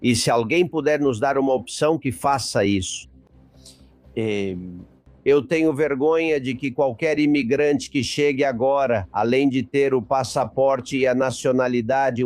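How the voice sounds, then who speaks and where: A man's voice: mid-range voice, steady tone, measured pace, a little mellow, no echo. A man hosting a political talk show, reading out a listener's message and making an indignant appeal to his audience. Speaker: host.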